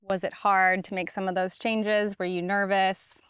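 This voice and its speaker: A woman hosting a podcast, asking her guests questions in a relaxed conversational way. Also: mid-range voice, moderate pace, clear, resonant tone, dry recording, studio quality. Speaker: podcast host. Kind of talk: casual interview. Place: farm, recorded on location.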